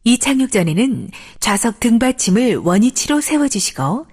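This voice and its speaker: High-pitched woman, plane cabin announcement, formal and polite, lilting intonation. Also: sing-song, normal speed, darkish tone, breathy edge. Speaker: flight attendant announcer.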